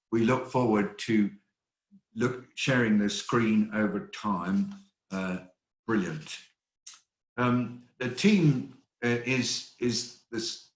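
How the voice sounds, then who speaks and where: An older man delivers briefing remarks over a video call in a low, steady voice. He speaks in a measured, earnest way with frequent pauses. The sound has a roomy echo. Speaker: host of an online briefing.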